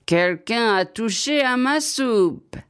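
A woman's voice: a little high, expressive, slow, fairly bright tone, clean tone, voice pushed up. A woman reading a big papa bear. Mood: grumbling. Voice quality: meant as a big voice.

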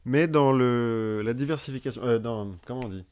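A man's voice: mid-range voice, normal speed, darkish tone, clear, resonant tone, lo-fi sound. Chatty French man telling history. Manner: chatty, hesitant with many restarts and fillers; joking asides. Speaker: podcast co-host. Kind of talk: casual history chat.

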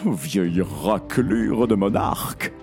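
A man's voice: lowish voice, animated, takes it slowly, over music. A man voicing a sly, mocking male sorcerer in a storybook, with a sneering, gloating delivery. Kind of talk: storybook read-aloud acting.

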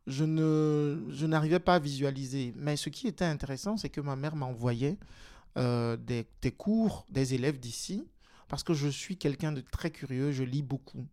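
Speaking at normal speed in a dark, medium-pitched voice, a Togolese man appears as an interview guest. He's a politician and teacher, and in this casual conversation he hesitates often, restarting and using many fillers.

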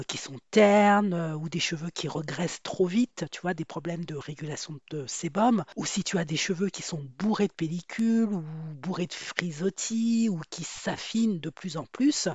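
A woman hosting a solo podcast in a chatty, intimate way, her voice hoarse and croaky from flu. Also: lowish voice, darkish tone, no echo. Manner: intimate, addressing one listener directly. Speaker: podcast host and hair coach.

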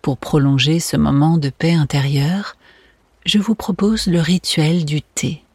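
A meditation guide speaking in a soft, soothing, breathy spa whisper, gently narrating a relaxation exercise. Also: mid-range voice, steady tone, unhurried, dry recording. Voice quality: breathy, hushed.

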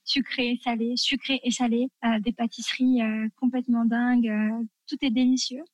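A woman from France talks in an eager, chatty way with a slightly high voice. She fills her sentences with little fillers and asides. The sound is dry and close, with no room around it. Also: level tone, normal speed, no echo, muffled recording. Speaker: guest sharing food tips. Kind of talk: casual chat.

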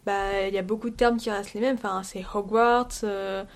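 A woman's voice: mid-range voice, fairly even intonation, fairly quick. A young woman guest chatting in a casual podcast discussion, talking with many hesitations and restarts.

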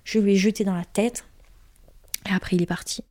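A woman's voice: mid-range voice, fairly even intonation, a little fast, darkish tone, no echo. A young woman from Corsica frankly telling a personal story in casual talk, crude and emphatic, acting out what people said. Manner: frank, crude, emphatic retelling with acted quotes.

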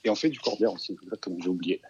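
A man's voice: sits low, very fast, a little mellow, a little hiss or hum. A man in his thirties with a southern French accent, a wine merchant talking as a guest in a radio interview, chatty and hesitant. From southern France. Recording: dull lo-fi sound.

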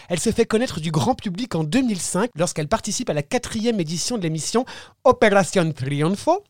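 A man's voice: sits high, no echo, clean studio sound. A man in his thirties presenting a comic column in a theatrical, sarcastic way and often laughing at his own jokes. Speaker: regular columnist. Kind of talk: comic chronicle, half-read.

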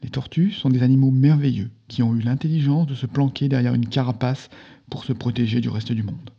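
A cheerful, playful young man, as a reader puts him on, chatty and teasing, with a gravelly, husky tone over a dull lo-fi recording. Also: medium pitch, steady tone, fairly quick.

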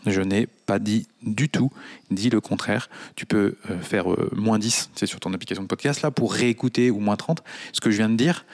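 A man hosting a podcast, talking bluntly and mockingly with plenty of swearing, standing in his kitchen at a microphone. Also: mid-range voice. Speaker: podcast host. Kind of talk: casual podcast monologue.

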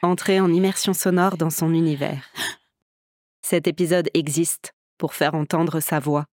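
A woman's voice: deep voice, fairly even intonation, measured pace, a little mellow, no room sound, clean studio sound. A woman hosting a podcast, narrating a scripted story in a theatrical storyteller's way. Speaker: podcast host and actress. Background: music.

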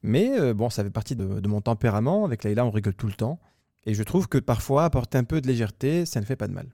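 A man co-hosting a podcast, talking in a playful, teasing and animated way. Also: mid-range voice, fast talker, dry recording, clean studio sound. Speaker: podcast co-host. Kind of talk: casual podcast chat.

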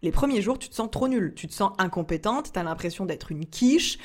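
A woman's voice: medium pitch, animated, fairly quick. A young woman speaking candidly in a casual personal vlog, chatty and confiding, often restarting her sentences. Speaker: vlogger.

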